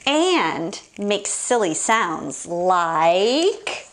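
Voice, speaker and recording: Slowly and in a sing-song, medium-pitched voice, a woman reads a picture book to children with playful, exaggerated, theatrical reactions. A slight hiss or hum sits under the story-time reading.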